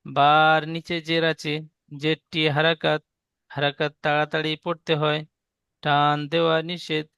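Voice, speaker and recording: A man teaching a Quran reading class, spelling out letter sounds in a slow, patient, repetitive drill. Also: on the high side, completely flat delivery, gravelly, pushed and bright, smooth, dry recording.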